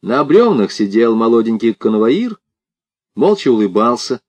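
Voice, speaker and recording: A man narrating an audiobook in an expressive, dramatic reading style. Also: on the low side, normal speed.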